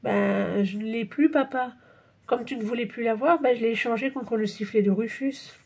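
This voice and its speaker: A woman voicing an excitable little schoolboy in a storybook reading, eager and breathless. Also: a little high, normal speed, creaky, breathy edge. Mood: sheepish.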